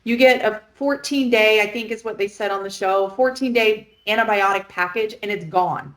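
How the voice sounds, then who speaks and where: A woman's voice: medium pitch, moderate pace, a bit bright. A woman in her thirties co-hosting a podcast, chatting casually, blunt and frank and swearing freely. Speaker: podcast co-host. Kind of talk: casual chat. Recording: roomy echo.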